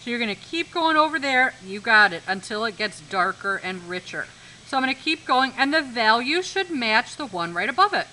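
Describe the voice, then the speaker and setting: Really bright sharp lady art teacher doing a class demo, bit high, some background noise, repeats stuff. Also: sing-song, moderate pace, rough recording. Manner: instructive, repeats key points, checks understanding. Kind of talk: live classroom demonstration lesson.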